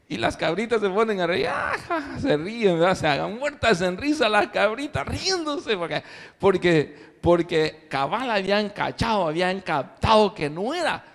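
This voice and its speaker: A male pastor tells a folk tale in a playful sermon. His voice sits high and swings widely in pitch. A long reverb from the church hall hangs behind him. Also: moderate pace, vocal fry. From El Salvador. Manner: playful, animated storyteller. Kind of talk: storytelling sermon.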